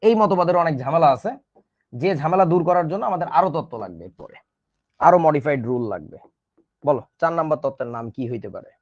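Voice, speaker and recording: Male Bangladeshi teacher, jokey and scolding, somewhat high-pitched, muffled audio. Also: animated, fast. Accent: Bangladeshi Bengali. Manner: chatty, teasing, scolds students playfully. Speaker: chemistry teacher. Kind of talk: casual online class lecture.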